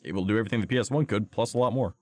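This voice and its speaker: A man's voice: on the low side, rapid-fire, darkish tone, no room sound. A young man streaming, with a sore throat and a cough, rambling through a profane casual story full of fillers. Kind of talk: casual chat to stream viewers.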